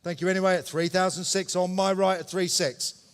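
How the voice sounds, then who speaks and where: A man calling a live auction, repeating figures in brisk, clipped phrases with polite asides to bidders. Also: high-pitched, steady tone, clear, resonant tone. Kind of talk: live auction calling, running bid commentary. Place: large indoor auction room. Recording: echoey hall with long reverb.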